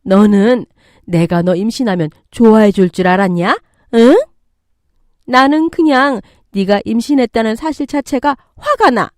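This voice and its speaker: A woman's voice: a little high, a little slow, no echo, clean studio sound, pitched above the performer's own voice, natural voice. Woman voicing a scornful older mother-in-law. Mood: scornful scolding. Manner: loud, scolding, contemptuous. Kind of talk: storytelling radio reading.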